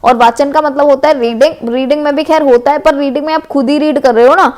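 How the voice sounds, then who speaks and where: Speaking quickly in a high, slightly mellow voice with fairly even intonation, this female teacher from Uttar Pradesh, India, reviews exam MCQs. Her western UP Hindi accent comes through as she explains, habitually adding "है ना" and "correct है".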